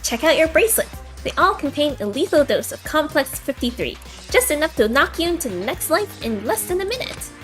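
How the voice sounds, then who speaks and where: Woman putting on a gleeful, high-pitched taunting game announcer. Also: very animated, fairly quick, fairly bright tone, faint music behind. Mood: gleeful menace. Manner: theatrical announcer hype, taunting mock cheer. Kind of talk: fan visual novel read-aloud.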